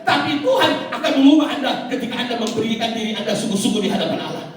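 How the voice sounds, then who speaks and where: A man's voice: very high voice, animated, very fast, recorded from a distance. A man preaching a sermon as pastor, telling stories animatedly and acting out the voices in them, with an Indonesian accent, in a large church hall with music behind.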